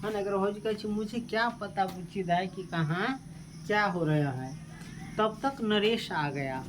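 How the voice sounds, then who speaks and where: A woman teaches a class, reading a text line by line and then asking the students about it. Her pitch sits in an ordinary middle range. A faint hiss runs underneath her voice. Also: a little slow. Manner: repeats each line and quizzes students, mixing in local dialect. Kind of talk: explaining a school text to a class.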